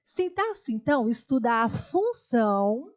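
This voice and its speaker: Brazilian woman, higher voice, patient grammar teacher repeating key terms, slightly dull lo-fi lecture audio. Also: sing-song, a little slow, a little mellow. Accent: Brazilian Portuguese. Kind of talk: online exam-prep lecture.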